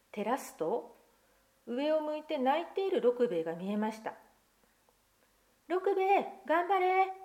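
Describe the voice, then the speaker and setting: A woman leading a church children's talk, asking Bible quiz questions and then reading a picture book aloud with gentle, expressive storytelling and voices. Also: a little high.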